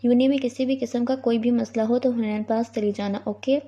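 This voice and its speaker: A woman's voice: fairly high pitch, fairly even intonation, warm tone, lightly acted. A woman reading the lines of a playful young man who teases his mother and sister, on a dull lo-fi recording. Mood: teasing. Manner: playful, teasing. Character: teasing young man, fond elder brother.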